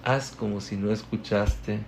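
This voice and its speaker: Slow, emphatic religious teacher. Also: male voice, lowish voice, steady tone, a little hiss or hum. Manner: storytelling, moves between hushed and emphatic. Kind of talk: religious class.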